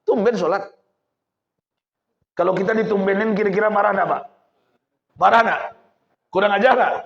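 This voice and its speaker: A male preacher tells a story in an animated sermon and keeps asking his listeners questions. His voice is high and gravelly. The sound is roomy and somewhat dull. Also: brisk. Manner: animated, asks the audience questions.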